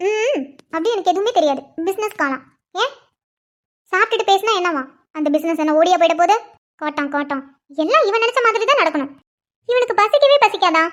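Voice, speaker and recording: Woman doing Amritha, a shrill young cartoon wife. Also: lively intonation, fairly quick, long pauses. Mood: grumbling. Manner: scolding, grumbling to herself. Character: young wife, fussy and teasing. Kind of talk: cartoon voice acting.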